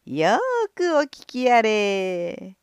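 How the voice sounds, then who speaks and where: A woman's voice: lively intonation, drawn-out words, smooth, no echo. A woman voicing a greedy, fawning male peddler in a folk tale, calling out like a street hawker. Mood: pleading. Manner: shrill, fawning, hawker's calls.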